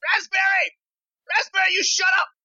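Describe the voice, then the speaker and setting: High, intense female gear dealer, bossy, brash, lo-fi sound. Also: big pitch swings, a little slow, dry recording, heavily acted. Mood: yelling. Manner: bossy, calls people child, shouts at kid.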